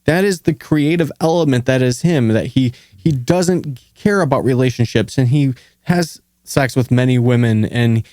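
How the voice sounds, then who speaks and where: A man hosting a casual podcast, chatting in an excitable, opinionated, rambling way with plenty of swearing. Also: medium pitch, normal speed, hardly any pauses, dry recording, studio quality. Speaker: podcast host. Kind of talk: casual, profane podcast chat.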